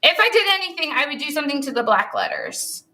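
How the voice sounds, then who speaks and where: A woman's voice: sits high, huge pitch swings, fast talker, crowd noise. A woman demonstrating stenciling on a craft livestream, chatty and playfully teasing her co-host.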